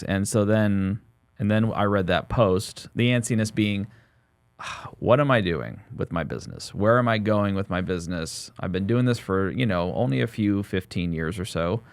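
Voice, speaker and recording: A man in his forties talks through a casual podcast chat in a rambling, jokey way, often restarting his sentences. His voice sits somewhat low, and the recording is dry and close with no room sound. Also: animated, normal speed, clean tone, no echo. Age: 40s. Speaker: podcast co-host.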